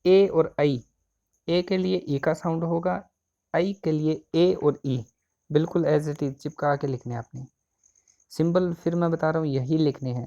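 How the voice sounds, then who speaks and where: A man's voice: fairly high pitch, dark tone, muffled recording. A man teaching an exam coaching lesson, asking questions and answering them himself. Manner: asks and answers own questions.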